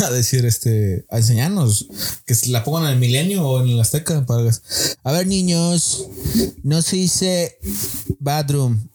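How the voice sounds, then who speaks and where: A man's voice: medium pitch, warm tone, slight background noise. Joking Mexican man hosting a podcast. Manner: joking, mocking mimicry, laughs often. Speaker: podcast host. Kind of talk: casual solo podcast monologue.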